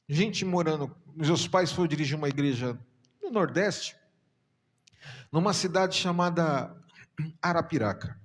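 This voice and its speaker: A man from Brazil, a bishop preaching a sermon full of stories, animated and acting out voices. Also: a little high, big-room sound. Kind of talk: sermon with storytelling. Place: church hall.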